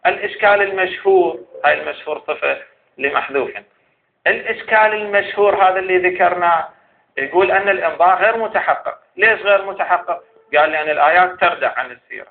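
Brisk high-voiced Iraqi man lecturing. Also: vocal fry. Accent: Iraqi Arabic. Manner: argumentative, poses questions to a rebutted scholar. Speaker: teacher of Islamic jurisprudence. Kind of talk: seminary lecture. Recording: tinny phone-like sound.

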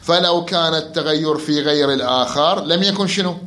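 Male teacher, tense high-ish voice, keeps quizzing the class, echoey room recording. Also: brisk, a bit bright. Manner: prompts students with questions and repeats answers. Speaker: Arabic grammar teacher. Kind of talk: classroom lecture.

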